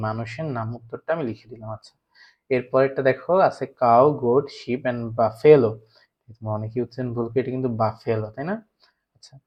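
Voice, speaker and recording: A man with a Bangladeshi Bengali accent teaching an English class for primary students. He keeps asking the class questions and then answers them himself. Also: mid-range voice. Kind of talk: online class lecture. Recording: slightly dull lo-fi recording.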